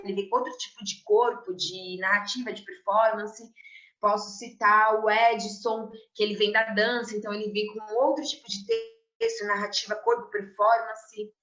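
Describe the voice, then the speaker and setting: A woman's voice: medium pitch, a bit bright. Woman, slam poet, reflective panel talk, dull lo-fi echoey sound.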